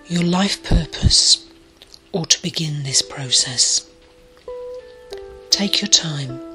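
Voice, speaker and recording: Slow, soothing woman guiding a meditation. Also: low-pitched. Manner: soft, soothing, often breathy and whispered. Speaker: meditation guide. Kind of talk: guided meditation. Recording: clear music bed behind the voice.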